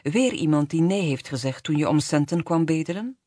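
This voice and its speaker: A reader voicing a spiteful, venomous grown man in an audiobook, in a husky voice. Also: mid-range voice, normal speed, dry recording, clean studio sound, lightly acted. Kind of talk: audiobook reading.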